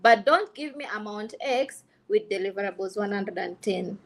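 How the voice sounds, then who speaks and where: A woman's voice: medium pitch, normal speed, gravelly, slight background noise. A Kenyan woman speaking candidly on a panel, emphatic and repeating phrases for stress, slipping between English and Swahili. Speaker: content creator on a panel.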